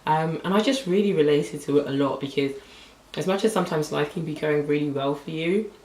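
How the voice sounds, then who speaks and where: A young woman talks casually about books, slightly hoarse and filling her sentences with "like". She sits a little back from the mic, in a room with a noticeable echo. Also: deep voice, a little fast, darkish tone, distant mic. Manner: chatty, rambling, lots of "like" fillers. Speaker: book vlogger. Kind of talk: casual book review chat. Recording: roomy echo, voice a bit off-mic.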